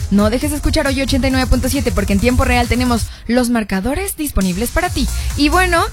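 A young woman with a Mexican accent hosting a morning radio show, chatting playfully and reading listener messages aloud. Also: high-pitched. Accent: Mexican Spanish. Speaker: radio host. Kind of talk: casual morning radio chat. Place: radio studio. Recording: faint music bed behind.

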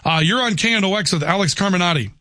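A man's voice: high voice, quick pace, bright, forceful tone, no echo, studio quality. Wry male talk-radio host. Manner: teasing, wry.

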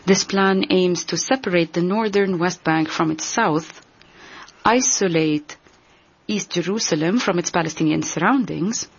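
A woman giving a translation voice-over as an interpreter, rendering a formal speech in a measured, deliberate way. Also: lowish voice, slightly rough, lo-fi sound. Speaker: simultaneous interpreter.

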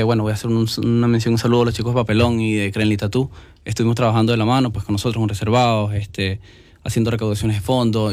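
A young man from Venezuela with a Venezuelan Spanish accent, a musician talking earnestly as a guest in a casual interview, filling pauses with "este" and repeating words. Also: fairly low pitch, darkish tone, no echo. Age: young adult.

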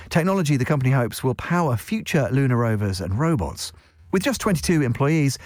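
A man hosting a business radio show, reading scripted links with a measured, presenter-like delivery. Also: medium pitch, darkish tone, no room sound, studio quality.

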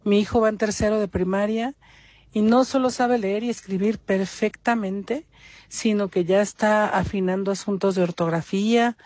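A woman's voice: medium pitch, fairly even intonation, moderate pace, a little mellow, no echo. A woman from Mexico City leaves a phone voice message for a radio program, speaking with a Mexico City Spanish accent in a mid-range voice. She talks earnestly and fluently, stringing items together in long runs. The sound is dry and close, with no room around it. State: leaving a recorded voice message for a radio show. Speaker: radio caller. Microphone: phone voice note.

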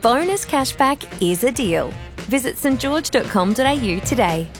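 A woman's voice: fairly high pitch, expressive, normal speed, loud music behind the voice. A woman reading a conversational scripted advertisement as an announcer. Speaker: commercial announcer.

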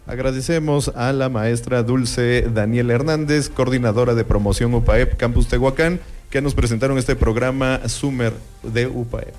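A male radio host with a Mexican Spanish accent reads the news and welcomes guests in a formal, measured announcer manner. His voice sits in the middle range for a man. A faint music bed plays under him. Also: mid-range voice, fairly even intonation, darkish tone. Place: radio studio.

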